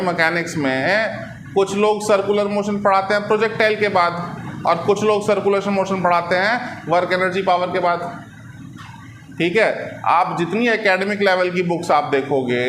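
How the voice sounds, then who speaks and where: Male physics teacher, high-pitched, patient, echoey classroom recording. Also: fairly bright tone, a little hiss or hum. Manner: explains patiently, keeps asking "ठीक है?" and "है ना". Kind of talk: classroom lecture.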